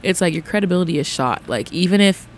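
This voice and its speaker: A woman's voice: fairly low pitch, expressive, quick pace. A woman giving a casual, slangy reaction to music in a conversational way. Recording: faint vehicle noise in background.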